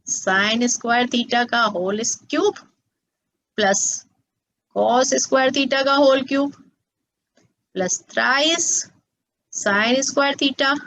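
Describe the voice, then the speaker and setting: A woman tutors students in maths, patiently coaxing them along and often checking that they follow. Her voice is fairly high and a bit bright, and the recording has a slightly dull lo-fi sound.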